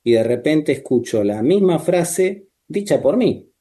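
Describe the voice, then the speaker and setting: A man working as a therapist, explaining calmly and measuredly with frequent tag questions. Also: a little high, a little slow. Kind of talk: calm explanatory talk.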